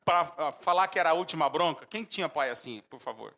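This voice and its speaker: A man with a Brazilian Portuguese accent preaching a sermon as pastor, breaking into animated outbursts and acted-out shouts. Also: a little high, brisk.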